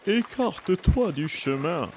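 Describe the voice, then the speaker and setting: Squeaky village fool, super high and slow, wailing and whiny in a folk story. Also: male voice, lively intonation, background noise. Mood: blunt. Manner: high-pitched, drawn-out wailing cries. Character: shrill wailing village simpleton man.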